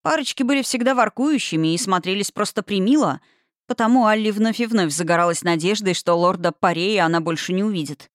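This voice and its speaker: A woman reads an audiobook aloud in an expressive storytelling manner. Her voice sits at a middling pitch. The recording is close and dry, with no room sound. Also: a little fast, no room sound. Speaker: audiobook narrator. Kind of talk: audiobook narration.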